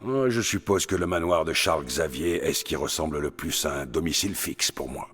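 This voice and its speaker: An actor playing a gruff, grizzled male mutant brawler from Canada in a French video game dub, blunt and sardonic. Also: rumbling low, brisk, a bit bright. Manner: blunt, sardonic, laid-back.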